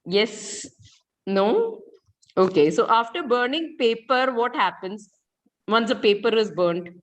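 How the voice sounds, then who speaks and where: A woman's voice: fairly high pitch, big pitch swings, slow, low-quality recording. Indian lady teacher doing an online class, keeps asking questions and checking, repeats stuff. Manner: questioning, repeats key points, ends phrases with check questions. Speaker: chemistry teacher. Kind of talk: interactive online school lesson.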